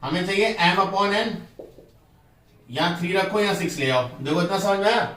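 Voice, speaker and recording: A man with a fairly high voice teaches a math class, walking through each step and firing quick questions at his students. He on terms. The sound is roomy and echoey, with him standing a bit back from the mic. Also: pushed and bright, far from the mic.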